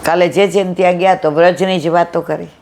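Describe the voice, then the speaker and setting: A woman's voice: lowish voice, fairly even intonation, fairly quick, darkish tone, slight background noise. A woman giving a devotional satsang talk, telling stories conversationally and acting out the dialogue. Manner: conversational, acts out quoted dialogue. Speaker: satsang speaker. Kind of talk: devotional discourse with storytelling.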